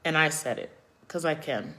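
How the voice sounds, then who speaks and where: A middle-aged woman hosts a casual live-stream chat show, speaking her mind and reacting to viewer comments until she grows emotional and chokes up. Her voice sits low, pushed and bright, at a moderate pace.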